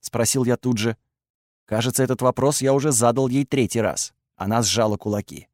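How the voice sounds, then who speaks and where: A man reading a first-person fantasy audiobook in a measured, even storytelling manner. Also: mid-range voice, dry recording, studio quality. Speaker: audiobook narrator.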